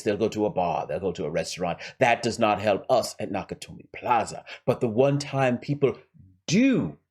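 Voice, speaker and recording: Scheming heist villain with a weak fake German accent done by a man, dramatic pauses, lively swooping pitch. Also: lightly acted. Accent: put-on German villain accent, admittedly poor. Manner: theatrical, dramatic pauses, hushed whispered emphasis. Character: scheming suave male villain planning a heist.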